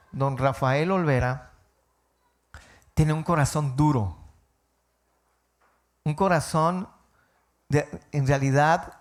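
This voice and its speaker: A man, a pastor preaching a sermon and telling a personal story with emotional rises and falls. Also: a little high. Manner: emotional storytelling, voice rising and falling.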